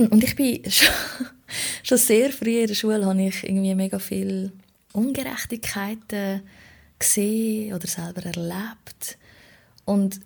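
A Swiss woman with a Swiss German accent speaks in a mid-range voice that is gravelly, a little mellow and slightly rough. She is a political candidate appearing as a podcast guest, offering an informal, reflective personal account while searching for her words.

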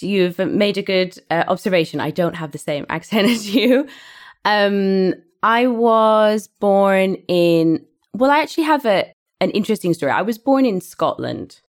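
A woman with a southern English accent, an English teacher and podcast cohost, chatting cheerfully in an interview and laughing easily. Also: medium pitch. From England. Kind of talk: casual interview chat.

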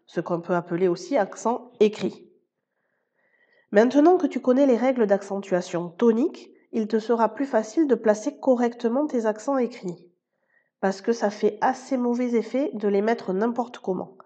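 A woman teaches in a scripted podcast lesson, speaking with a warm, mellow voice. She explains each point patiently and addresses the listener informally. The recording sounds slightly dull and muffled. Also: mid-range voice. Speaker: Spanish teacher.

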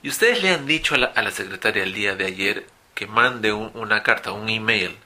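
A man's voice: on the low side, brisk, sharp tone. A man teaching an English grammar lesson, explaining and repeating example phrases.

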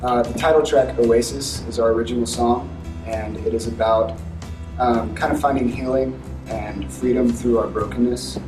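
A man's voice: mid-range voice, steady tone, moderate pace. A man from Memphis who plays guitar and sings, talking in a band's promo video. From Memphis, USA. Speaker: band guitarist and singer. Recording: roomy, distant, with music behind.

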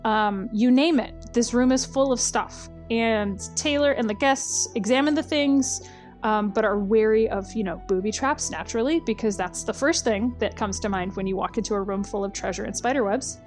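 A woman's voice: fairly high pitch, normal speed, a little mellow, soft background music. A woman casually recapping a storyline, wry and chatty, with lots of ums and uhs.

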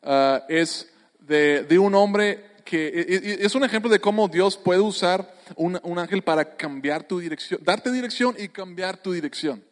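A man tells a scripture story in a sermon, lively and joking, restarting his phrases often. His voice sits high. A long reverb from the hall trails after him. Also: unhurried. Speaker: preacher.

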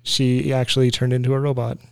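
A man's voice: medium pitch, flat delivery, fairly quick, gravelly, clear, resonant tone, no echo. Folksy man hosting a podcast. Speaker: podcast host. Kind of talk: casual podcast chat.

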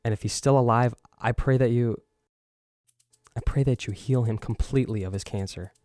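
A man's voice: medium pitch, normal speed, a little mellow, no room sound, clean studio sound, natural voice. An actor playing an earnest, devout young male martial artist in an audio drama. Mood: prayerful. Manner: earnest, emotional.

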